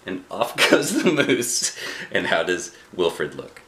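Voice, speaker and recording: A middle-aged man with a low-pitched voice reads a story slowly, his delivery animated and swinging widely. Like a dad with a child, he's playful and expressive, stepping away from the text for chatty asides and questions. He's indoors in a small living room, recorded by a camera a short distance away.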